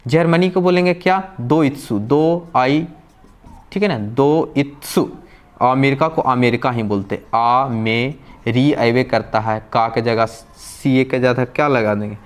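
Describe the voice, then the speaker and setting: A man's voice: mid-range voice, unhurried, smooth. A man teaching a vocabulary lesson who keeps asking questions and answering them himself, explaining patiently step by step. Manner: drills with repeated questions and answers. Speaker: language teacher. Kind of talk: classroom-style vocabulary lesson.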